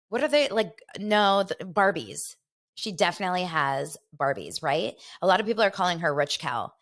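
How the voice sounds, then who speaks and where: A young Los Angeles woman hosts a podcast, gossiping and chatting animatedly as she reads viewer comments aloud in a casual conversation. Her voice is lowish and a bit bright.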